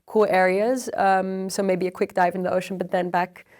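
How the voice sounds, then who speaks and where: A young adult woman, a PhD researcher, explaining in measured interview answers with frequent ums and uhs. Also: mid-range voice. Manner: measured, even, with frequent fillers. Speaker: PhD researcher on extreme heat.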